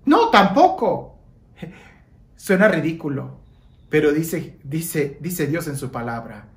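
A woman's voice: deep voice, a little mellow, roomy sound. A woman preaching a Lenten sermon, dramatic, sinking to a near-whisper on key phrases and asking listeners questions. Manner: asks listeners rhetorical questions, leads breathing prayer.

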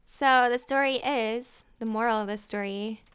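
A woman's voice: a little high, steady tone, normal speed, a bit bright, clear, resonant tone. A young woman hosting casual gameplay commentary, giggly and playfully teasing. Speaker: host.

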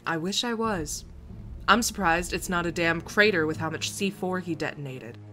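Actress as bright, sardonic Lieutenant Essen. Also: female voice, fairly low pitch, normal speed, faint music behind, lightly acted. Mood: wry, brisk. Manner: sardonic, assertive. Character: wry, no-nonsense female police lieutenant. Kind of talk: audio drama acting.

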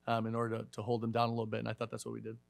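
A man in his thirties speaks quickly at a post-match press conference, leaning on fillers and restarts. His voice is close and dry at the desk mic, mid-pitched and easygoing. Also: monotone, creaky, no room sound. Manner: fast, conversational, many fillers and restarts. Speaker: head volleyball coach. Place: media room in front of a sponsor backdrop. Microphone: desk microphone.

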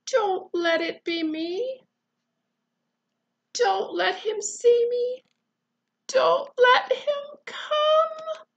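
A woman voicing a frightened little boy in a picture-book reading, high and pleading. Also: drawn-out words, pauses often, dull audio, full character voice.

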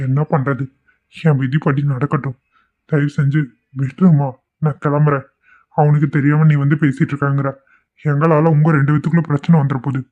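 A man's voice: fairly high pitch, level tone, a little fast, narrow, tinny audio, natural voice. A man voicing a weary young man in a cartoon, resigned and pleading to be left alone.

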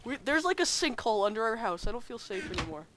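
A young man chatting casually while playing a game with a friend, excitable, giggly and rambling. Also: very high voice, fast, crowd noise. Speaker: gaming channel co-host. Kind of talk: casual gameplay chat.

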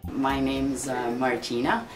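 A woman's voice: very deep voice, little pitch movement, slow, over loud music. A woman from the Czech Republic, a volunteer, speaking hesitantly with many fillers in an interview. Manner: hesitant, many ums and uhs. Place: wig room indoors. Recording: echoey room with background noise.

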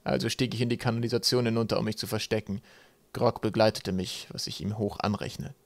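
A man voicing a gloomy, scarred male ship's mate who talks sullenly, low and slow. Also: steady tone, gravelly, no room sound. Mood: bitter.

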